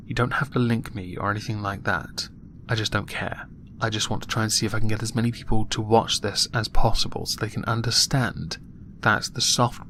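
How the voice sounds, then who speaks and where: A man giving a political opinion monologue in a flat, monotone voice while clearly annoyed. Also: fairly low pitch, a little hiss or hum. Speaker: political commentator.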